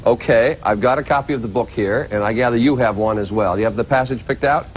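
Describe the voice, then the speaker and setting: A man's voice: medium pitch, fast, slight background noise, rough recording. A man with an American accent presenting and interviewing as a morning news show host.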